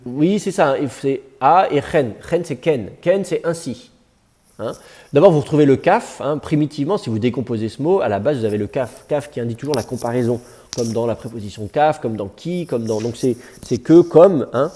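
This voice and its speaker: A man lectures a class on biblical Hebrew, his mellow, medium-pitched voice animated and at normal speed. The style is chatty and wandering, with joking asides.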